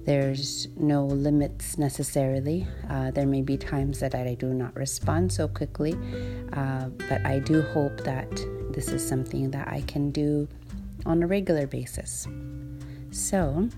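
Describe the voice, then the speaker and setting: A woman's voice: rumbling low, steady tone, unhurried, warm tone, soft background music. A woman from Nunavut with an Inuit accent, a native Inuktitut speaker, hosting an informal podcast in a hesitant, thinking-aloud manner. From Iqaluit, Nunavut, Canada. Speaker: podcast host. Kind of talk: informal solo podcast introduction.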